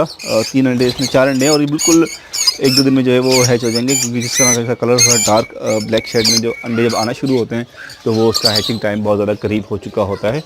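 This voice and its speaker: Outdoors, a medium-pitched man gives an unscripted walkthrough of his bird breeding setup, commenting casually with frequent fillers and saying he talks fast. Loud birds chirp and squawk behind him, creating heavy background noise.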